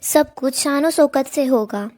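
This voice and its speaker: A woman's voice: high voice, unhurried, darkish tone. A woman reading the lines of a proud, bossy elderly grandmother in a drama recap. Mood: haughty.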